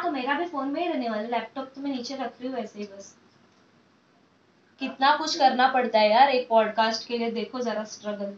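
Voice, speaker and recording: A woman's voice: sits high, a bit bright, dull audio. Chatty young woman vlogging at home. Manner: chatty, talks to camera while setting up. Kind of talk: casual vlog chat. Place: at home indoors.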